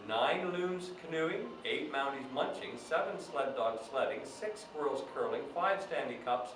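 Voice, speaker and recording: A man's voice: mid-range voice, lively intonation, measured pace, natural voice. A man playing Santa Claus as a jolly, folksy storytime host, reading storybooks aloud to children with chatty asides. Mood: jolly, playful. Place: echoey indoor room, away from the mic. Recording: very echoey room, distant mic, faint noise.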